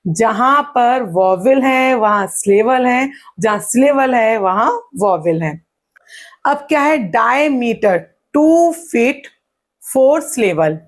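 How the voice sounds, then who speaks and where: Slow, breathy woman teaching. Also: fairly high pitch. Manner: repeats her own questions and answers them; claps and stretches words out slowly to show syllables. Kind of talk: exam-prep lesson.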